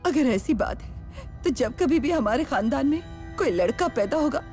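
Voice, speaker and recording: A woman's voice: sits high, lively intonation, normal speed, warm tone, faint music behind. An actress playing a strict village woman of the household who scolds.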